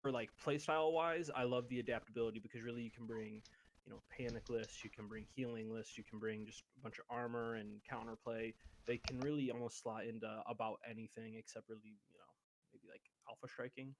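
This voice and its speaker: A man's voice: mid-range voice, fairly even intonation, fairly quick, a little hiss or hum. A man from Ohio who hosts a podcast, talking energetically and listing options.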